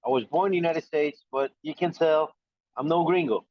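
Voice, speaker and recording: A man with an Ecuadorian Spanish accent talks about soccer over a video call. His voice sits a little high, and it comes through a dull, lo-fi line. The sound is dry and close, with no room around it. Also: fairly quick, dry recording. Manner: repeats words, friendly and self-assured. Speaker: soccer correspondent guest. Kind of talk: casual podcast chat.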